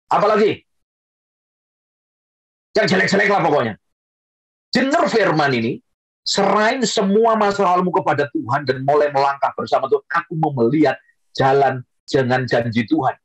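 A man preaching an online sermon, joking and swinging his pitch up and down for emphasis. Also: husky, dry recording, rough recording.

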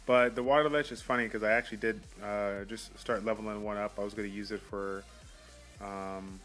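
Excitable young man narrating game summons. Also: on the low side, faint music behind. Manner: excitable, rambling, quick outbursts. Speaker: mobile game channel host. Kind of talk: casual gameplay commentary. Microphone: phone mic.

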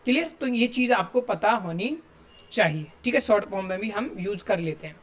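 A man's voice: sits high, lively intonation, fairly quick, fairly bright tone. A male teacher, giving a classroom grammar lesson and explaining step by step while asking his students questions.

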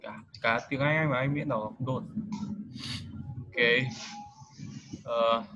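A man's voice: mid-range voice, slow, a bit bright, muffled recording. A man leading a study group, explaining English words with frequent hesitations. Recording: noisy home recording.

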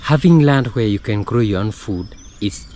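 A man's voice: on the low side, animated, moderate pace, warm tone. A man, co-hosting a conversational commentary in a garden. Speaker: co-host. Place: outdoors in a leafy garden. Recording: outdoor noise with birdsong, insects. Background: birds and insects.

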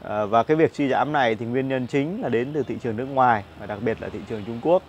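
A man's voice: medium pitch, fast talker, dull audio, slight background noise. A man in his thirties giving casual stock market commentary outdoors on a lapel mic, chatty and full of fillers and repeated words. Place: outdoor cafe patio with plants.

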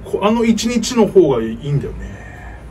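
A man in his thirties performing comedy sketch dialogue as a flustered shop manager who repeats words in quick bursts. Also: on the high side, wildly swooping pitch, warm tone, far from the mic. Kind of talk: comedy sketch dialogue, casual workplace talk. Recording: slightly noisy room, off the mic.

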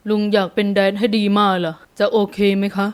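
ผู้หญิงทำเสียงชายหนุ่มเจ้าของความรัก เสียงทุ้มหนักแน่น. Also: female voice, fairly even intonation, brisk, natural voice. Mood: tender. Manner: lowered, firm voice. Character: young man, a possessive and doting father.

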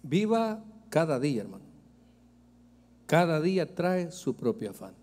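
A man's voice: a little high, very animated, unhurried, a little mellow, in a large hall. A male pastor preaching a sermon, emphatic and joking as he speaks straight to the congregation. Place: church sanctuary.

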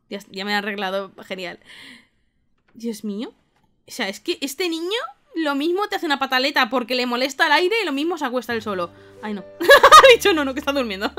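A young woman with a Spain Spanish accent giving casual let's play commentary, expressive and exclamatory, often laughing. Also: sits high. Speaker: gaming youtuber.

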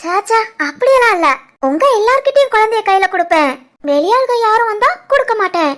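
A woman plays a doting new mother in a cartoon village story, guarding her baby with a very high, piping voice. She speaks fondly in a Tirunelveli Tamil accent. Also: expressive, brisk, a bit bright. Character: proud protective young new mother. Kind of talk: animated family story voice acting.

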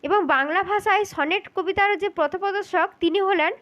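Very high-voiced woman teaching steadily. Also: a little fast, fairly bright tone. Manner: methodical, repeats key points, addresses the listener directly. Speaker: teacher for exam interview prep. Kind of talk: spoken lesson explaining exam answers.

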